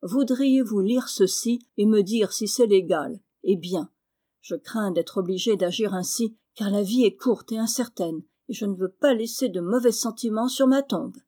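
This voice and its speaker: A woman's voice: mid-range voice, moderate pace, dark tone, lightly acted. A woman voicing a vain, dramatic young girl in an audiobook, fussy and self-important. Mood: solemn.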